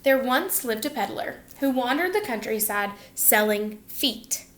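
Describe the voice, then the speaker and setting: Reading a picture book aloud to her students, a woman teacher with a voice on the high side sounds expressive and instructive, and she breaks off to pose questions to them.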